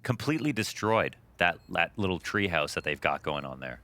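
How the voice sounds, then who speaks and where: A low-pitched man with a forceful, bright tone, giving color commentary on a game match. He breaks down plays and reacts to surprising moments. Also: lively intonation, moderate pace. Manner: laughs often, reacts with disbelief.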